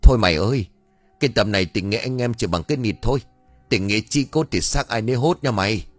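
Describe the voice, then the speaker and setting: A man voicing an old male village ritual master, gruff and blustering, afraid of his wife. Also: fairly low pitch, expressive, fast, dry recording, faint music behind.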